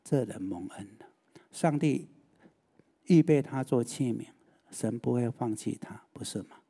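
A man's voice: medium pitch, unhurried, vocal fry, mellow. A male preacher, giving a sermon and often putting rhetorical questions to the listeners.

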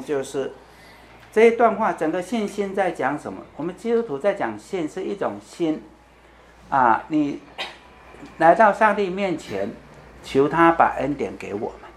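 A man's voice: fairly high pitch, big pitch swings, a little slow, slight background noise. A man giving a conversational sermon. He asks the congregation questions, answers them himself, repeats key phrases and keeps adding "you know?". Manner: tags lines with "you know?". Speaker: preacher.

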